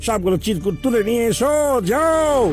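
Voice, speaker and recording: A man's voice: very high-pitched, animated, fairly quick. A man playing a scheming, boastful cartoon villain who gloats over his tricks. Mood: gloating, commanding. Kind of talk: cartoon dub acting. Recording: music behind the voice.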